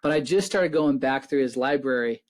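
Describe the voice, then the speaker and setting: A man's voice: medium pitch, normal speed. Chatty male podcast host in his thirties. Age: 30s. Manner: chatty, rambling, self-interrupting. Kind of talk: casual interview chat.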